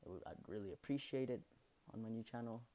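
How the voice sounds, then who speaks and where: A man's voice: medium pitch, fast, warm tone. A young man telling a school story in a casual, rambling way, full of fillers and self-corrections. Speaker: channel host. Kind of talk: casual storytelling over gameplay.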